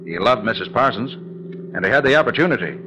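A man playing a calm, probing detective in a 1940s radio drama. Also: mid-range voice, fast talker, natural voice. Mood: plain. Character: cool, sharp male amateur detective. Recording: noisy old radio recording.

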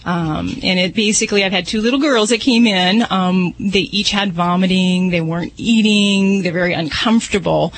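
A woman's voice: mid-range voice, normal speed, few pauses, rough recording. A woman speaking as a radio veterinarian, explaining things in a casual, conversational way. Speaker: veterinarian radio host giving advice.

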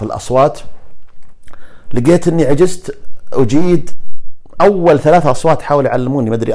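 Najdi Saudi man, podcast host, rambling solo chat, dark gravelly voice. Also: lowish voice. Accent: Najdi Saudi Arabic. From Najd, Saudi Arabia. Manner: loose, rambling, addresses the listener directly. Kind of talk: casual solo monologue.

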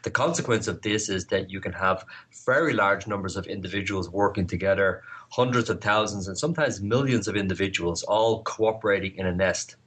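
Low-voiced male scientist explaining plainly. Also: brisk, a bit bright, slightly rough. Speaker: entomologist, interview guest. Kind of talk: explanatory interview talk.

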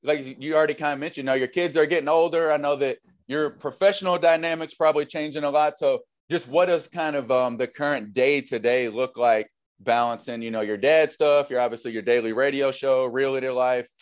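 A man's voice: mid-range voice, steady tone, fairly quick, dry recording. A young man hosting a casual podcast interview, friendly and loose with many fillers. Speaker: podcast host.

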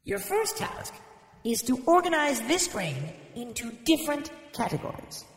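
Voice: high-pitched, sing-song, measured pace, roomy sound, long reverb tail, voice pushed up, heavily acted. A storyteller voicing a haughty, scornful goddess who talks down to a mortal. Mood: cold. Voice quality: mocking, condescending. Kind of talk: storytelling podcast voice acting.

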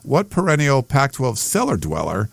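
A man's voice: medium pitch, huge pitch swings, moderate pace, gravelly, fairly bright tone, no room sound. An American man co-hosting a sports podcast in casual chat, hesitant and circling back over his phrases.

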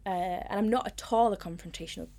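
A woman's voice: mid-range voice, fast, gravelly, dark tone. Candid woman telling a story. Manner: frank, self-deprecating, swears casually. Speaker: playwright guest.

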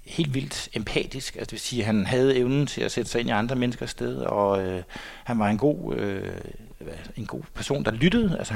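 Guest, older man in his 60s, reflective and halting with many pauses and restarts. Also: mid-range voice, vocal fry. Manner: hesitant, many fillers and restarts. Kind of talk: reminiscing interview talk. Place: studio.

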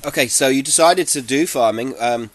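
Man, interviewer, casual, halting questions, repeats words, medium pitch. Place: polytunnel on a farm.

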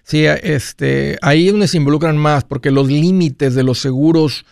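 A man hosts a call-in advice show in a conversational, explanatory way. His voice sits a little high for a man and has a strong gravelly fry. He restates points as he goes, and the sound is close and dry. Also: moderate pace, darkish tone, dry recording. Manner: explanatory, rephrases and repeats points. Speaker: call-in show host and financial adviser.

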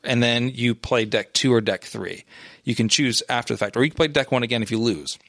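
A man co-hosts a laid-back gaming podcast and works through his points with frequent restarts and fillers. His voice sits at an ordinary pitch and is recorded close and dry, with no room sound. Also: a little fast, creaky, a bit bright, dry recording. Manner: rambling, many restarts and fillers. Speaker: podcast co-host. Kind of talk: casual esports chat.

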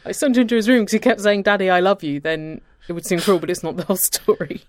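A woman's voice: mid-range voice, fast talker, darkish tone, no echo. A woman hosting a podcast, chatting casually with a wry, dry sense of humour. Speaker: podcast host. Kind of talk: casual chat.

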